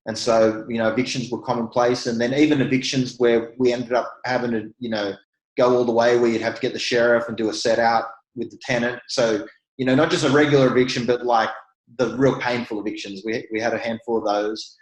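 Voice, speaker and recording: An Australian man talks through his real estate experience in a relaxed interview, with frequent restarts and easy laughter. His voice is mid-pitched and sits in a noticeably echoey room. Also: a little fast. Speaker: real estate investor guest. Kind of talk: casual interview conversation.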